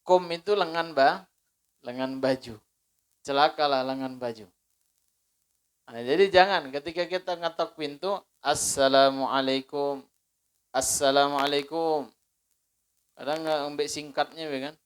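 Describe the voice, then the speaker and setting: A man with an Indonesian accent teaching an Islamic study circle lesson, slowly drawing out recited phrases and putting questions to his listeners. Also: fairly high pitch. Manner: slow, drawn-out demonstrations of recited phrases; conversational, asks listeners questions. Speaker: religious teacher.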